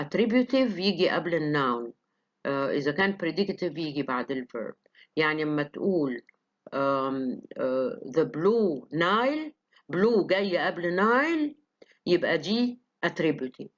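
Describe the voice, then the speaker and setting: A woman with an Egyptian accent giving a university lecture, explaining step by step with many hesitant fillers. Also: deep voice. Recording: muffled lo-fi lecture recording.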